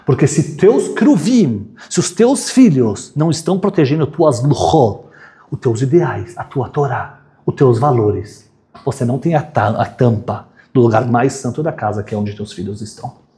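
Animated man preaching. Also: medium pitch, moderate pace. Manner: animated storyteller, acts out voices of characters. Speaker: rabbi giving a talk. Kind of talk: sermon with acted-out story.

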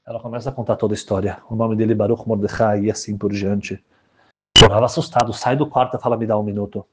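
A man's voice: on the low side, fast. A man telling a story to a group, repeating phrases and acting out the dialogue. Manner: animated, repetitive, acts out dialogue.

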